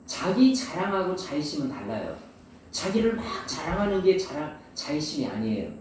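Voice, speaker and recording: Male pastor, sermon to students, rhetorical and lively, slightly high voice, recorded far off in a very echoey hall. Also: moderate pace, a little hiss or hum. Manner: rhetorical questions, acts out quoted voices. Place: large room at a boarding school. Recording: very echoey room, mic far off.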